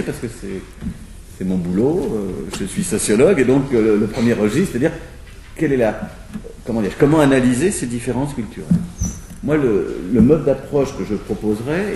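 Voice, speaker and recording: A man speaking as a sociologist in a discussion, with a mellow, darker tone. He works through his reasoning with many pauses, small fillers and restarts. The recording sounds roomy and a little distant, with a faint hiss behind him. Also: medium pitch. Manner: thinking aloud with hesitations and restarts. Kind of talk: spoken lecture-style argument.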